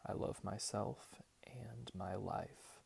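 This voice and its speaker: A man in his twenties gives a soft, whispered ASMR pep talk in a hushed, deliberate manner with long pauses. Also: lowish voice, fairly even intonation, creaky. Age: 20s. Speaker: ASMR creator reading positive affirmations. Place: small bedroom at home, indoors.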